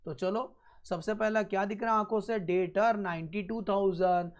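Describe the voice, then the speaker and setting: In a classroom lecture on accounting, a man goes over each point slowly, repeats it, and keeps checking that students are following. He throws in blunt, joking asides. His voice is high and steady.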